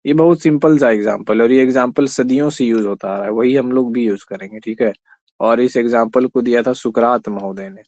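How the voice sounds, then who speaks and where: A man's voice: medium pitch, a little fast, dark tone, no echo. A man teaching an online exam-prep class. He explains step by step, quizzes his students, and mixes English terms into his speech. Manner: explains step by step, quizzes students, often says "theek hai". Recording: slightly dull lo-fi recording.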